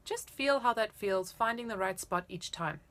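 Bright-voiced woman teaching casually. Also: mid-range voice, lively intonation, moderate pace. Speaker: flute teacher. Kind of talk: casual instructional talk to camera. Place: indoors, small room at home.

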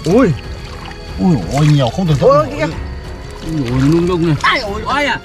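A young man, hosting an outdoor video and exclaiming loudly in amazement while digging in a field. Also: high voice, big pitch swings, quick pace. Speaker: video host. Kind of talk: excited outdoor commentary. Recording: background music over field audio. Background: background music.

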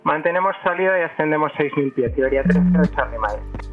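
A man's voice: a little high, expressive, quick pace. Guy on a cockpit headset radio, terse pilot calls, dull lo-fi sound, some music behind. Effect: pilot speaking over a cockpit headset radio. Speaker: airline pilot in a flight simulation. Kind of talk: clipped radio phraseology. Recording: muffled lo-fi radio transmission.

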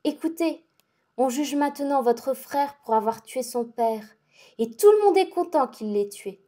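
A feverish young girl who swings between rapture and dread, her speech breathless and urgent, as a woman reads her. The voice sits fairly high, with a soft, mellow tone. This is a dramatic audiobook reading. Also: unhurried. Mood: intense. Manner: excitable, breathless, intense.

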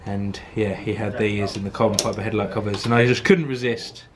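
A young car vlogger with a British accent speaks fairly quickly in a fairly low voice with fairly even intonation, chatting casually about working on a car. He films on a handheld camera in a garage and driveway, and the noisy audio includes crowd noise.

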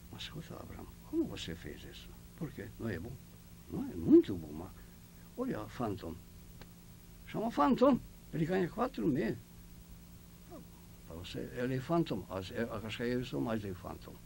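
A man's voice: on the low side, creaky, darkish tone, a little hiss or hum. An older man from Yugoslavia, speaking Portuguese as a second language, telling his life story in an oral history interview and acting out the dialogue as he goes. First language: not Portuguese.

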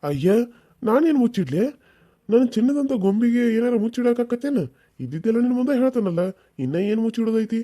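An evasive village husband in a cartoon serial, voiced by a woman. He speaks with a North Karnataka Kannada accent, in a warm, mellow tone and a coaxing, defensive manner. The sound is dry and close. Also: on the high side, very animated, a little fast, no echo. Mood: puzzled.

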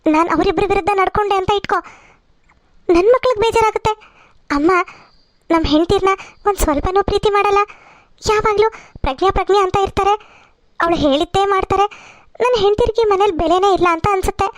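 A woman's voice: very high voice, fairly quick, long pauses, no room sound, clean studio sound. A woman voicing a firm, caring mother in a cartoon serial, lecturing her daughter. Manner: lecturing, advising.

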